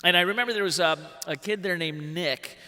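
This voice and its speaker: Man, 40s, bright tense voice, lively comic stage storyteller, reverb of a theatre hall. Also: sits high, fairly quick. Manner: animated, jumps into big voices for quotes. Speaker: workshop storyteller. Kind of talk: live comic personal storytelling.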